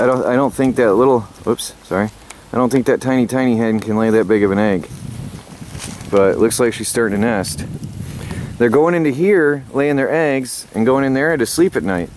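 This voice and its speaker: A man's voice: mid-range voice, moderate pace, slight background noise. A man out of breath, talking casually to a handheld camera outdoors on his homestead, rambling with many fillers. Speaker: homestead vlogger. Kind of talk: casual vlog chat. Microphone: handheld camera mic.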